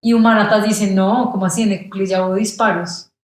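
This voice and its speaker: A woman's voice: medium pitch, brisk. A young woman with a Colombian accent tells a story as a podcast guest. She jumps into the voices of the people she meets. The sound is very roomy and echoey. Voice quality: animated, acts out quoted voices. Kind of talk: casual storytelling. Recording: very echoey room.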